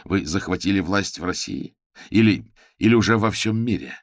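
A man's voice: low-pitched, animated, moderate pace, creaky, dry recording, studio quality, full character voice. A man voicing a stern, suspicious count interrogating a companion in an audiobook. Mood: accusing. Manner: probing questions, grows heated. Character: stern male count investigator, probing, suspicious. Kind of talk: audiobook character voice.

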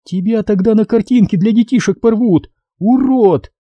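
A man voicing a frantic young woman in an audiobook, pleading shrilly and then barking orders with a sharp tongue. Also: sits high, very animated, moderate pace, husky, no room sound, muffled recording, pitched above the performer's own voice, exaggerated voice. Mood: fierce.

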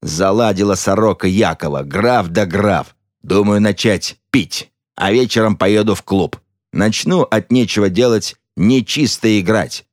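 A man reading an audiobook plays a gloomy, pompous count with a sardonic, gruff manner. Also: on the low side, sing-song, unhurried, no room sound, studio quality, full character voice. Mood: boorish. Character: gloomy pompous middle-aged count, turning coarse.

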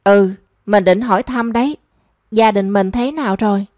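A woman's voice: mid-range voice, moderate pace, a little mellow, no room sound, studio quality, lightly acted. A woman voicing a remorseful young woman who pleads with her family. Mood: anxious. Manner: pleading and emotional. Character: young daughter, remorseful and anxious.

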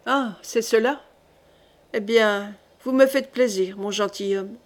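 A woman reading the part of a gruff older male jailer in an audiobook, speaking slowly and with quiet irony. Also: medium pitch, close to an everyday voice. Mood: calm ironic.

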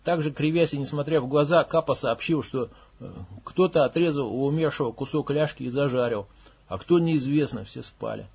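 A man's voice: medium pitch, brisk, creaky, a little mellow, slightly rough. A man narrating an audiobook in a blunt, coarse manner, with swearing.

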